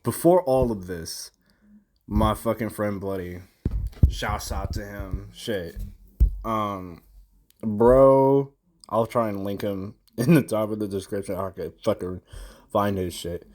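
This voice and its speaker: A man's voice: on the low side, unhurried, a little mellow. A young man casually recapping a frustrating game boss fight, rambling, slangy and full of swearing. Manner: slangy, profane, rambling with restarts. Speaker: gamer recounting a boss fight.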